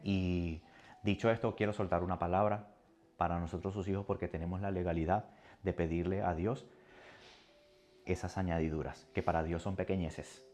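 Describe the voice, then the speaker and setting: A man preaching a sermon with a personal testimony, animated and moving between soft and loud. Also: low-pitched, moderate pace.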